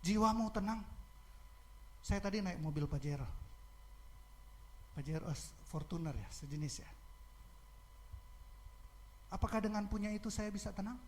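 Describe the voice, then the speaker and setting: A middle-aged man preaching a sermon as pastor, telling a personal story with swings from soft, quiet passages to loud, shouting emphasis. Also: high-pitched, moderate pace, long pauses.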